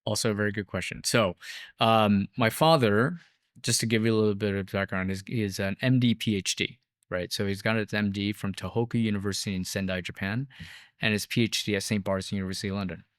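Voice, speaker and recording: A man's voice: on the low side, fairly even intonation, brisk, dry recording, studio quality. A man in his fifties from Taiwan, a biotech founder answering interview questions in an explanatory way with many fillers and tag questions.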